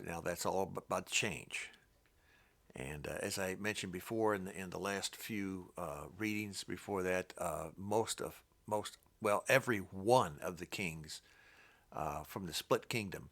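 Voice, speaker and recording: Working through a Bible passage with running commentary, this man has a deep, low-pitched, gravelly and creaky voice, though his tone is fairly bright. He rambles and halts, often restarting and doubling his words.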